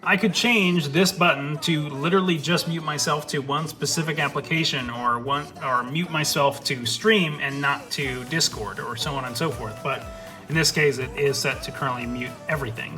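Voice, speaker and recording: A man's voice: medium pitch, normal speed, music in the background. A young man and streamer giving a casual, enthusiastic tour of his home desk setup, swearing now and then as he rambles through his gear, recorded on a studio mic. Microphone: studio USB/XLR dynamic mic.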